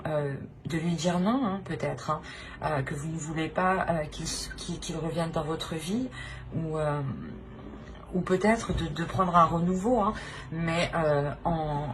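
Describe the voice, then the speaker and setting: A woman with a fairly low pitch gives an impromptu tarot reading on her channel, accompanied by a slight hiss or hum. She comes across as hesitant, reaching for words and often reworking her phrasing.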